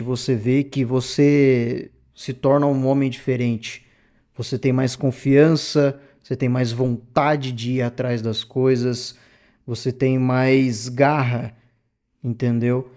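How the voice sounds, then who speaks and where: With a steady, warm, mid-range voice and slow delivery, a Brazilian man in his thirties hosts an opinion channel. He rambles reflectively and casually to his viewers, talking to them directly and revising what he says midstream.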